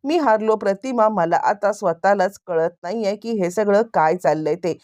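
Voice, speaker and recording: A woman's voice: mid-range voice, moderate pace, a little mellow, close to an everyday voice. A woman narrator voicing an angry, heartbroken middle-aged man who was betrayed by his brother, asking pleading, reproachful questions. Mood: anguished.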